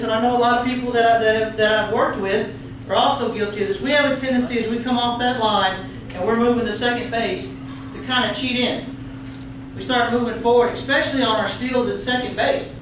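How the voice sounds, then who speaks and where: A man's voice: very high voice, background noise. A middle-aged man with a Texan accent giving a training lecture to umpires in a large meeting room, coaching, asking the room questions and cracking folksy jokes. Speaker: umpire clinic presenter. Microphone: far room camera, no mic seen. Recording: very echoey room from far off.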